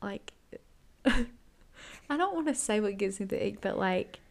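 A woman's voice: medium pitch, expressive, slow, creaky. A young woman in casual podcast chat, giggly and loose, packing her sentences with "like" and trailing off as she thinks. She keeps an everyday, mid-range voice. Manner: giggly, filler-heavy, lots of "like". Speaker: podcast co-host.

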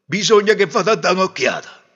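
A man's voice: high voice, lively intonation, fast talker, husky, pitched above the performer's own voice, exaggerated voice. A man voicing the bride's foolish, blustering father. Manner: loud, blustering calls. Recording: dull lo-fi recording.

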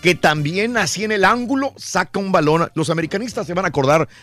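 A man's voice: high voice, fairly quick, fairly bright tone, faint music behind. A man hosting a casual sports radio show, chatting and greeting listeners.

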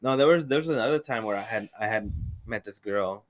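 A man's voice: on the low side, fairly quick. A young man telling crude stories in a laid-back, casual chat as a podcast guest. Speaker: podcast guest, host's brother.

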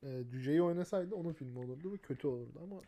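Male podcast co-host, mid pitch, quick, blunt and stubborn. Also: gravelly, warm tone. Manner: stubborn, blunt, dry retorts. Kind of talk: casual chat.

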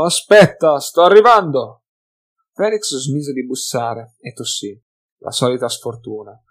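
A man reading a fantasy audiobook aloud as narrator in an expressive, dramatic storytelling manner. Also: mid-range voice.

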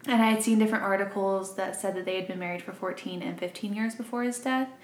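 Talking fast with medium pitch and fairly even intonation, this twenty-something podcast co-host is from Arkansas and was raised in Missouri. She keeps her true crime show casual and chatty, laughing readily, in a recording with a roomy echo.

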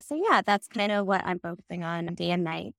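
A young woman from Bangladesh chats as a podcast guest, upbeat and loose, often reaching for "like" and "you know". Her voice sits a little low, recorded close and dry with no room sound. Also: animated, fairly quick, gravelly, a bit bright, no echo. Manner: chatty, upbeat, many "like" and "you know" fillers, light laughs. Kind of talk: casual podcast interview.

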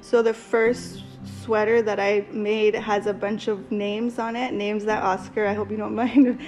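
A woman's voice: mid-range voice, level tone, a little slow, darkish tone, soft background music, low-quality recording. A woman co-hosting a casual talk, sharing a personal testimony in an earnest, rambling way with fillers. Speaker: podcast co-host.

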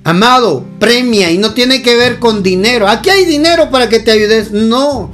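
High-voiced impassioned male preacher. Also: faint music behind. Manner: impassioned, swings between loud exclamations and slow emphatic phrases. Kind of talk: sermon.

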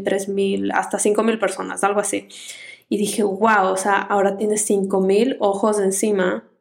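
A woman who creates online content talks through casual advice in a calm, unhurried way, sometimes softly, dropping in English words now and then. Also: medium pitch.

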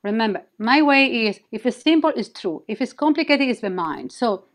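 A woman with non-native English phrasing, gently and reassuringly explaining and leading a guided meditation in a smooth, clear voice. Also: a little high, lively intonation, normal speed. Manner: gentle, reassuring, simple encouragement. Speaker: spiritual healer, guest leading a guided activation.

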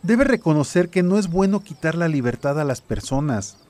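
Young prince, man acting, earnest, confident, slightly high male voice, children's audio story. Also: lively intonation, moderate pace, darkish tone, natural voice. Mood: earnest, firm.

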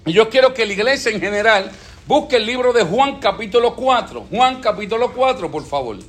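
A man's voice: high-pitched, expressive, fairly quick, fairly bright tone, slight background noise. A man preaching a sermon, quizzing his congregation with questions and repeating phrases. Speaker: pastor. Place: church sanctuary. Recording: echoey church room.

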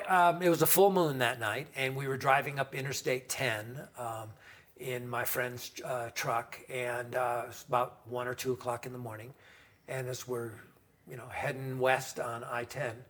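A man's voice: medium pitch, a bit bright. A man telling a long story in casual chat, rambling and full of fillers. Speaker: guest storyteller.

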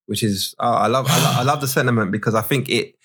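A man's voice: medium pitch, quick pace, a bit bright, husky. A man with a London roadman accent and street slang, hosting a casual podcast chat. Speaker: podcast host.

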